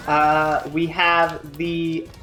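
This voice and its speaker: Charity stream host, woman, very low voice, has hiccups, relaxed donation reads, faint music under. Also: very slow. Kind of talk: reading donations and announcements.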